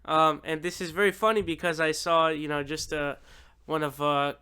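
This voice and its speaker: A man's voice: on the high side, little pitch movement, normal speed, sharp tone, clean tone. A man giving casual reaction commentary in an informal, sweary, incredulous and exasperated way. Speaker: YouTube political commentator.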